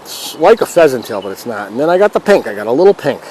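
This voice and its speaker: Quick and sing-song, a man's mid-range, darkish voice carries casual fishing commentary as he stands in a river. As the host of a fishing vlog, he chats folksily to viewers. Clear river and ambient outdoor noise can be heard.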